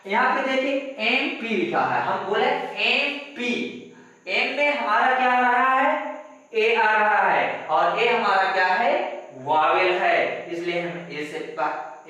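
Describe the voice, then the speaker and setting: A man's voice: high voice, lively intonation, slow, bright, forceful tone. A man teaching a grammar lesson step by step, spelling words letter by letter and asking rhetorical questions. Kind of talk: classroom-style grammar lesson. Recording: very echoey room, voice from a distance.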